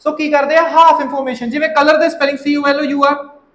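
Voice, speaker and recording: High-voiced Punjabi man teaching pronunciation. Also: flat delivery, brisk, fairly bright tone, reverberant, poor audio. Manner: drills words by repeating them, checks in often with "okay?". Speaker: IELTS teacher. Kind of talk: classroom pronunciation lesson. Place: classroom.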